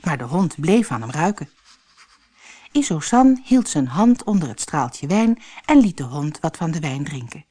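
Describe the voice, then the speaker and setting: A woman from the Netherlands reading a children's fairy tale aloud with expressive storytelling. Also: deep voice, a little slow. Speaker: narrator.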